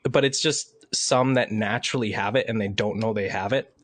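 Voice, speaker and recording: A man co-hosting a casual podcast, halting and searching for words as he explains. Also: on the low side, a bit bright, no echo. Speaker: podcast co-host.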